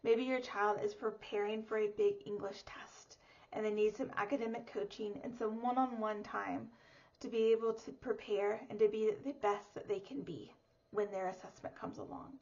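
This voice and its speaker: A woman reading teacher giving an upbeat, clear presentation of her academy's classes to parents. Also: mid-range voice, normal speed. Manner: upbeat, clear and explanatory, with lively emphasis. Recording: slightly dull lo-fi audio.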